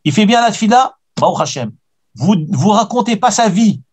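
High-voiced rabbi, emphatic. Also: male voice, animated, normal speed, slightly rough. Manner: emphatic, repeats key phrases, tells personal anecdotes. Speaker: rabbi teaching the weekly Torah portion. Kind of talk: Torah lesson answering questions.

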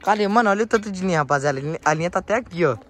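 A young man with a São Paulo Brazilian accent, chatting casually and excitably in slang to a handheld phone outdoors as he vlogs. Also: high voice, rapid-fire. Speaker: vlogger. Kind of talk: casual vlog chat. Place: outdoors in a residential yard. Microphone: handheld phone, held by the speaker.

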